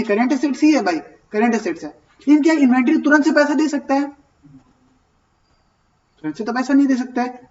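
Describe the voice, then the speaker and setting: A man's voice: very high voice, darkish tone, lo-fi sound. A man teaching an accounting class, talking casually and asking and answering his own questions. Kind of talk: classroom lecture.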